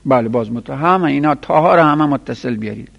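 A man teaching a class, counting out items one by one and spelling their letters slowly for students to write down. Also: medium pitch, lively intonation, creaky. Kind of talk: classroom lesson dictating Arabic verbal nouns. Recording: lo-fi recording in a reverberant room.

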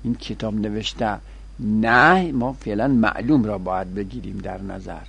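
Husky man chanting verb conjugations. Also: lowish voice, a bit bright. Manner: recites conjugations in a sing-song chant. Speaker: teacher. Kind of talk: Arabic grammar lesson, conjugation drills.

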